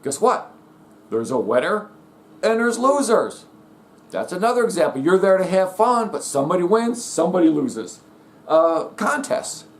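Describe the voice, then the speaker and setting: A man's voice: high-pitched, very animated, normal speed. Blunt middle-aged man ranting. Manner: blunt, emphatic, repeats "okay?" and "guess what?". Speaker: vlogger. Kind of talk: ranting monologue.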